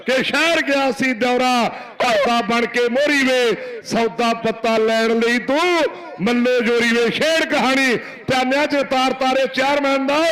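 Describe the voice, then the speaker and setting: A man's voice: very high-pitched, a bit bright, low-quality recording. A man with a Punjabi accent giving frantic, declamatory rural sports commentary on a kabaddi match, making announcements as he goes.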